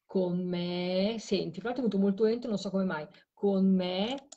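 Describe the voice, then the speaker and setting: Brief: tired woman, live stream host, mellow dark voice, computer mic with faint noise and keyboard clicks. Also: medium pitch, moderate pace, lo-fi sound. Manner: talks to a caller while replaying audio clips. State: tired late at night. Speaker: host of a live show on spirit voice recordings.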